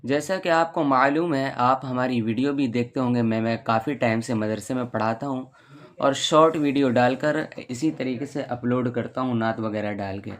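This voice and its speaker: A man, a madrasa teacher, giving a patient beginner's lesson and reciting the alphabet slowly, letter by letter. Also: mid-range voice.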